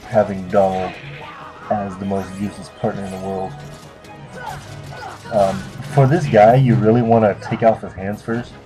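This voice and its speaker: His voice is fairly low and steady, at normal speed with long pauses, over video game music. The young man does let's play commentary, casual and unscripted, with a hesitant, rambling, offhand style.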